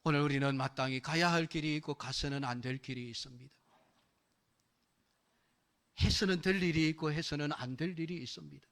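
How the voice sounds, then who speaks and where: A pastor with a fairly high voice, preaching a sermon to the congregation. He keeps asking rhetorical questions to pull the listeners in. Now and then he pushes his voice up sharply on key phrases to stress them. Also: a little fast, pauses often, a bit bright. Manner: emphatic, rising in force on key phrases.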